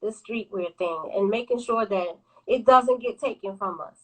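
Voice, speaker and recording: A woman, talking casually about her clothing brand on a phone call from her office, pausing often with ums. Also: mid-range voice. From New York. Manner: relaxed, hesitant, many ums. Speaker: guest, clothing brand owner. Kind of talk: casual interview on a live video call.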